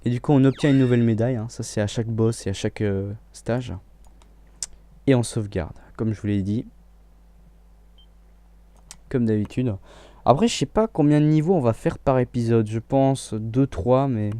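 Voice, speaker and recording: Talking through his gameplay, this young let's play host is relaxed and chatty, frequently starting his sentences over. He has a medium pitch and moderate pace, pausing often, and the recording is dry.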